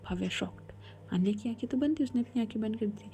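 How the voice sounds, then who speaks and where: A woman's voice: fairly high pitch, fast talker, warm tone, a little hiss or hum. A woman storyteller telling a romance in a casual, chatty way as a whispered role-play, voicing both heroines' lines herself.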